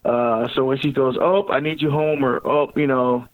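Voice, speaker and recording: A man's voice: medium pitch, normal speed, no echo. Middle-aged male deacon from Barbados, casual guest, easy chuckles, tinny phone line. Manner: relaxed, chuckling often, many fillers. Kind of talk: casual interview talk.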